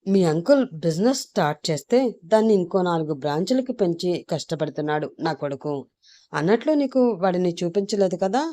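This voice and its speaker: A woman's voice: lowish voice, expressive, brisk, warm tone, close to an everyday voice. A woman voicing an anxious, well-off middle-aged mother who talks in a fond, pleading way. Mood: warm.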